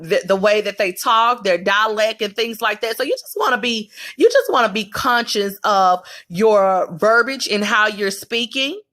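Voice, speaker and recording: A woman's voice: medium pitch, bright, forceful tone. A woman with a Southern US accent, giving candid, emphatic career advice straight to camera in a casual vlog.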